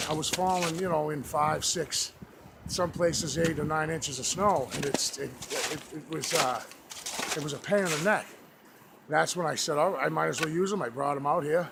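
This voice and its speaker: A man talking casually to his vlog viewers, halting and rambling as he trudges through snow outdoors. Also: a little high, gravelly. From New England, United States. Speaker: outdoor vlogger. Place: outdoors on a snowy forest trail. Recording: noisy outdoor audio with clicks.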